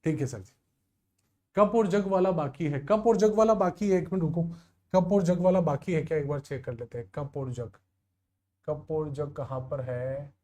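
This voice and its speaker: A man's voice: on the high side, normal speed. A young man teaching a live online exam coaching class, explaining reasoning problems step by step and quizzing his students with rhetorical questions. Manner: lively, addresses students as sir, beta and bhaiya, rhetorical questions.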